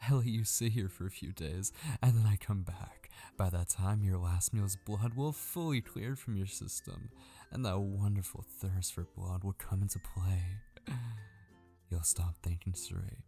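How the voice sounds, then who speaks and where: In an intimate ASMR roleplay, a man plays an obsessive, possessive kidnapper who is gleefully menacing yet patient. His low, creaky, mellow voice moves slowly and teasingly, drifting toward whispers.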